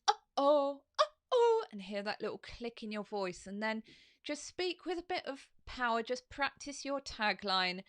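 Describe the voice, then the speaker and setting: A middle-aged woman, a voice coach, teaching in a lively, demonstrative way with frequent laughs, on a studio microphone at home. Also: medium pitch. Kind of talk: instructional live video. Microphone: studio microphone on a stand.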